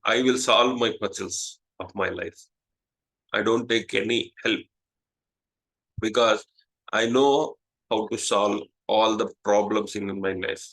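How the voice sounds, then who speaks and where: Man, Indian English accent, slow and halting, bright timbre, lowish voice. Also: low-quality recording. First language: Telugu. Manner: slow, halting, many "uh" and "okay". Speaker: astrologer, channel host. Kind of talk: casual spiritual talk to camera.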